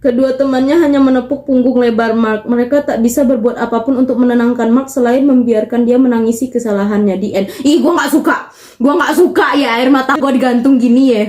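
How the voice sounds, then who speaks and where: A woman's voice: a little high, steady tone, fairly quick, a little mellow. A young woman who reads a story aloud and reacts to it, crying and laughing through tears with plenty of slang. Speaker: fanfiction reaction vlogger. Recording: echoey room with music behind.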